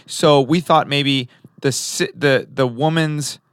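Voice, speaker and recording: A man's voice: on the high side, fairly even intonation, takes it slowly, fairly bright tone, clear, resonant tone, no echo, studio quality. A young adult man, a podcast guest, chatting casually, swearing freely and cutting in on the host. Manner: casual, swears, jumps in on others. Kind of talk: casual chat.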